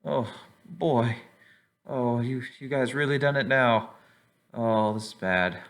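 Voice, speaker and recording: A man's voice: mid-range voice, slow pace, fairly bright tone. A man voicing a flustered, fussy male tavern keeper in a tabletop game, stammering out anxious exclamations. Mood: alarmed.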